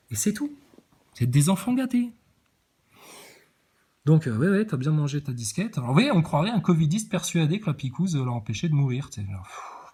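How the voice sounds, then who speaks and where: A video host reacting to viewer comments rants at them in a sarcastic, crude, mocking way, laughing often. Her voice is rumbling low, mellow and slightly rough.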